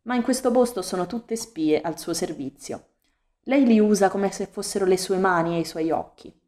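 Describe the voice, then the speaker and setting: A woman voicing an aloof, smug male cat who toys with his prey, in an indifferent, overly smooth manner, in an audiobook reading. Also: mid-range voice, moderate pace, darkish tone, close to an everyday voice.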